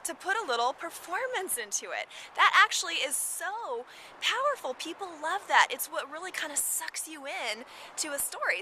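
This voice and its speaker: An upbeat woman vlogger shares tips outdoors, stressing her key points over and over. Her voice is high and bright, with a faint hum of the outdoors behind her. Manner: upbeat, emphatic, repeats key words. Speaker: vlogger giving storytelling tips. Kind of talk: casual instructional vlog.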